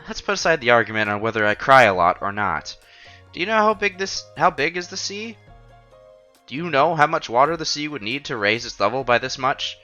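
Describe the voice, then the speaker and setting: Reading a visual novel aloud on stream, a man blends the story's narration with offhand remarks in a bright, forceful, playful voice. His pitch sits mid-range, and he speaks briskly and expressively. Music runs underneath, and the audio is slightly dull and lo-fi.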